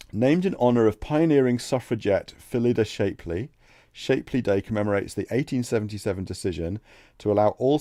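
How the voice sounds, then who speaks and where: A man streaming a text adventure, reading the game text aloud and thinking out loud between passages. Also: on the low side, dry recording, studio quality. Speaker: let's play streamer.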